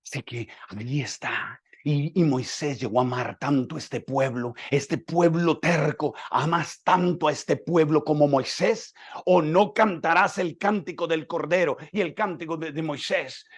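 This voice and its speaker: A male pastor with a high voice delivers a sermon. He acts out the dialogue with dramatic swings between hushed and forceful delivery. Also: unhurried, slightly rough. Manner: dramatic, acting out dialogue with swings from soft to loud.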